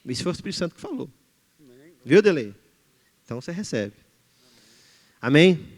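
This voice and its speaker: A Brazilian man preaching a sermon in a church, shifting between loud exhortation and hushed pleading. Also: a little high, sing-song, brisk. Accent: Brazilian Portuguese. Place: church hall. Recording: reverberant church hall.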